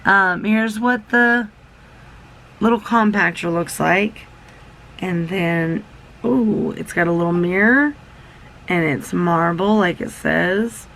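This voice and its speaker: A young woman vlogger rambles enthusiastically through a beauty box unboxing, interrupting herself as she goes; she's a little sick and losing her voice. Her voice is lowish, slow, and a bit bright, with a little hiss or hum in the recording.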